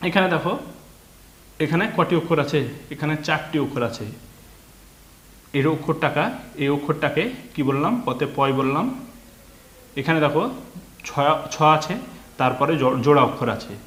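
A man's voice: fairly high pitch, fairly even intonation, moderate pace, pauses often, fairly bright tone, reverberant. A man teaching a children's reading lesson, patiently breaking words into letters and repeating each one.

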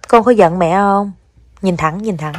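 A woman's voice: medium pitch, measured pace, background noise. A young Southern Vietnamese woman chatting at home in a casual family vlog, coaxing her child and talking to viewers, slipping English words in. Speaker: mother vlogging with her child. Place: home, indoors.

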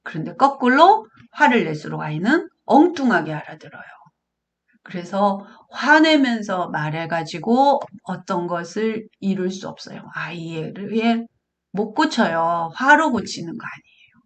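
A woman's voice: medium pitch, very animated, a little slow. A woman giving a parenting lecture, talking earnestly and straight to her listeners, now and then acting out what parents and children say. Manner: earnest, addresses audience directly, acts out parent and child quotes. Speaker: parenting educator.

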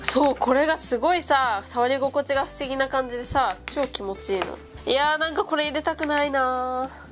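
Young woman vlogger, stuffy nose, chatty and excitable, slightly high voice, music underneath. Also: brisk. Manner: chatty, excited, musing aloud as she plays with slime. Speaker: slime vlogger. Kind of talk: casual chat. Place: indoors at a table. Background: background music.

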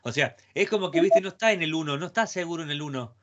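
A man's voice: fairly high pitch, fast talker, muffled recording, heavy background noise. A man with an Argentine accent giving an online guitar lesson over a video call. He coaches the student and chants repeated syllables to count out rhythms. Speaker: guitar teacher. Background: guitar playing.

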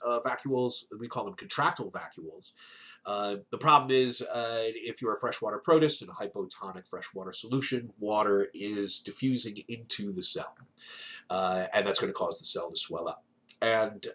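A man's voice: lowish voice, fairly bright tone, muffled recording. Congested nasal man teaching biology. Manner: casual, with frequent "uh" fillers. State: congested, nasal from a sinus infection. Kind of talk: recorded biology lecture.

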